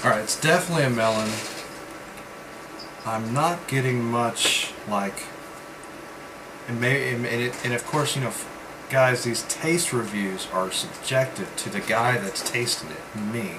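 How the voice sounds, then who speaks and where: Male vlog reviewer, mid-pitched, casual and rambling with halting pauses, noticeable room hum behind him. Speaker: vape reviewer. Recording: steady background hum, like air conditioning.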